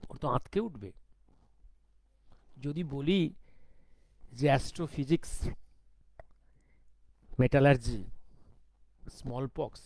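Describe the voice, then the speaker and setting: A man giving a commentary monologue, talking slowly because of a sore throat, firing off pointed rhetorical questions. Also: mid-range voice, a little mellow, dry recording. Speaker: political commentator.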